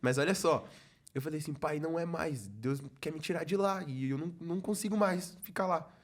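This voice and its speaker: A man's voice: on the high side, fairly quick. Brazilian man telling a testimony. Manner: storytelling, acts out quoted dialogue, many "falei assim" asides. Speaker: podcast guest, youth ministry leader. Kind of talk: casual testimony in a podcast chat.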